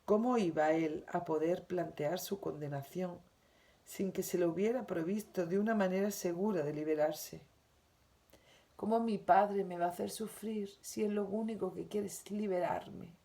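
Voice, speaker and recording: Una mujer con acento de España que lee y comenta una lección espiritual diaria, con tono suave, sentido y reflexivo. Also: female voice, lowish voice, normal speed, dark tone. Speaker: spiritual teacher. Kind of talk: reading and commenting on a daily spiritual lesson.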